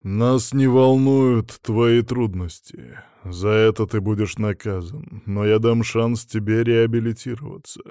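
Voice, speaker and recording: A man voicing a cold, menacing emissary of chaos who speaks slowly and commands. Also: lowish voice, fairly even intonation, mellow, no echo, studio quality, natural voice. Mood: commanding.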